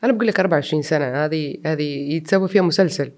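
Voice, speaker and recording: A woman's voice: low-pitched, very fast, a little mellow. A woman, speaking earnestly and reflectively as an interview guest, mixing in English words. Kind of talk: personal interview.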